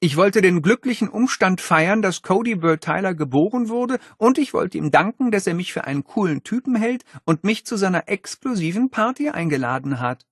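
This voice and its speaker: A man's voice: high-pitched, animated, moderate pace, hardly any pauses, breathy edge, no room sound, clean studio sound, voice pushed up. A man voicing an earnest, polite, over-eager schoolboy in an audiobook, with a formal way of talking.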